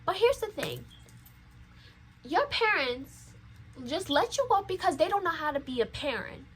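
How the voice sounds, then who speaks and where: A woman's voice: very high voice, very animated, unhurried, fairly bright tone, slight background noise, low-quality recording. A nineteen-year-old woman talking casually to her viewers in a rambling, lecturing way, with many fillers and restarts. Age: young adult. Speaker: vlogger. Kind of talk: casual chat.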